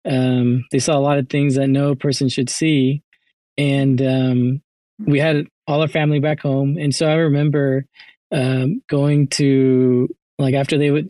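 A man's voice: medium pitch, darkish tone, no room sound. A man hosting a casual interview chat, talking in a hesitant way as he searches for his words. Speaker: host.

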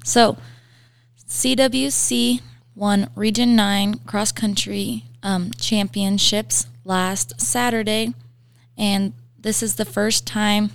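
Young woman guest with gravelly fry. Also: medium pitch, slow pace, no echo. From Wyoming. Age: young adult. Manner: eager, excited. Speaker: guest, college student. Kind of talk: podcast interview.

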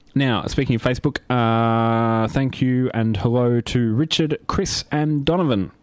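A man's voice: medium pitch, a little slow, a little mellow, no room sound. A man hosting a casual tech radio show in a studio, chatty and hesitant with many fillers. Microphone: studio mic.

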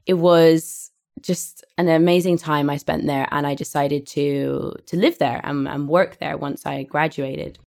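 A woman's voice: sits low, fairly even intonation, measured pace, gravelly, darkish tone. A woman with a southern English accent, an English teacher and podcast cohost, chatting cheerfully in an interview and laughing easily. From England. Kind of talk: casual interview chat.

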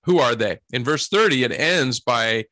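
A man co-hosts a Bible study podcast, reading passages aloud with emphasis and breaking into easy laughter. His voice sits in a middle pitch. The sound is dry and close, with no room to it. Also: animated, moderate pace, pushed and bright, no room sound. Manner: playful, laughs easily, reads scripture aloud with emphasis. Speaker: podcast co-host. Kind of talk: casual Bible study chat with scripture reading.

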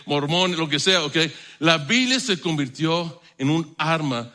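Bright-voiced pastor preaching. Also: male voice, fairly high pitch, a little slow. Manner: conversational preaching, frequent rhetorical questions. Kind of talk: sermon.

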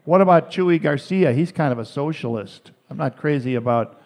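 Blunt talk host, a man with a gravelly voice and strong opinions. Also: on the high side, normal speed, a little mellow. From Chicago, United States. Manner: blunt, opinionated, frequent short agreements. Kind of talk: radio talk interview.

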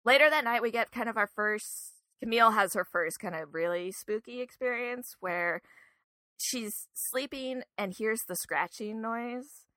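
Bright chatty woman recapping a film. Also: on the high side, a little slow, dry recording. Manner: chatty plot recapping, giggly. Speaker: podcast co-host. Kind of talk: casual movie review chat.

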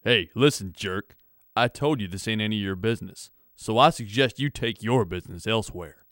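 A man's voice: fairly low pitch, a little fast, a bit bright, dry recording, clean studio sound, close to an everyday voice. A man voicing a large, menacing male thug in his thirties with a tough, threatening manner.

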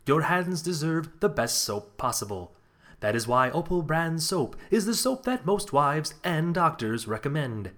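A man doing a salesy vintage radio announcer. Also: on the high side. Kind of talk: 1940s radio commercial.

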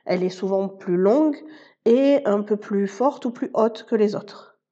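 A Spanish teacher, a woman with a warm, mellow, mid-range voice, leads a scripted podcast lesson at an unhurried pace. She explains each point patiently and speaks to the listener informally. The recording sounds slightly dull and muffled.

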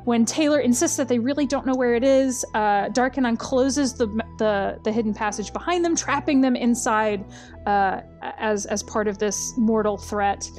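Chatty woman with a higher voice. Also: moderate pace, darkish tone, faint music behind. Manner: chatty and wry, with frequent ums and uhs. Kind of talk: casual storytelling recap.

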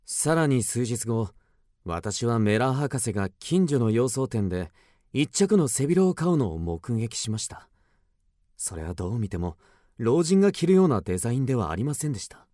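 A man's voice: mid-range voice, very animated, moderate pace, dark tone, no echo, studio quality, close to an everyday voice. An actor playing an agitated, obsessed man recounting an eerie mystery in dramatic radio drama narration, with theatrical swings. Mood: determined, tense. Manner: suspenseful, theatrical, with sudden swings.

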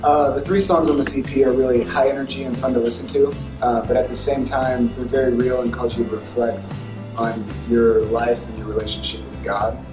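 A man's voice: mid-range voice, level tone, a little fast. A man from Memphis who plays guitar and sings, talking in a band's promo video. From Memphis, USA. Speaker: band guitarist and singer. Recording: roomy, distant, with music behind.

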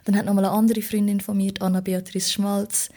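Speaking at medium pitch with a level tone, this woman sounds brisk and dark-toned. She's from Switzerland, has a Swiss German accent, and is a political candidate giving a podcast interview, where she shares an informal, reflective personal story and sometimes hunts for the right words.

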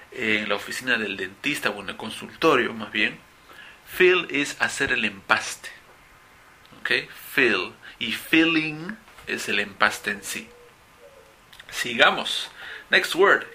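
A man teaching an English vocabulary lesson, stressing key words with sudden rises in pitch. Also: pushed and bright, husky.

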